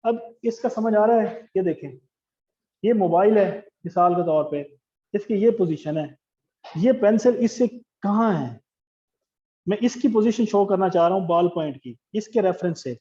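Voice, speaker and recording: A man's voice: sits high, moderate pace, dark tone, slight background noise. Man, English grammar teacher, classroom lecture, dull lo-fi recording. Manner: explains step by step, asks the class questions.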